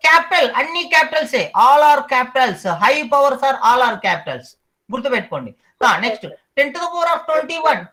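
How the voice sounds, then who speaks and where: A male teacher giving an online class, repeating each term slowly so the students memorize it. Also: very high voice, sing-song, pushed and bright, poor audio.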